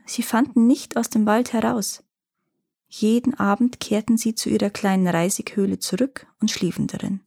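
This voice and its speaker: A woman storyteller reads a folk fairy tale aloud in a calm, even way. Her voice is slightly husky and mid-pitched. The sound is close and dry. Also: dry recording. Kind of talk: scripted fairy-tale narration.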